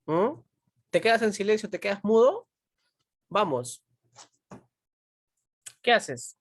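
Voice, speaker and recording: A woman's voice: mid-range voice, sing-song, takes it slowly, no room sound, studio quality. A woman teaching a philosophy class, constantly checking in with her students, asking them questions and pushing them to answer. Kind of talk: online pre-university class.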